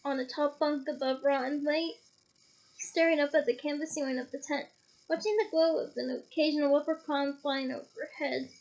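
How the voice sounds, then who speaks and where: Woman reader, high voice, chatty asides, lo-fi home recording. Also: fairly even intonation, moderate pace, a little mellow. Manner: casual, stops to comment and laugh. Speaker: audiobook reader. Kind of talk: reading a novel aloud with asides.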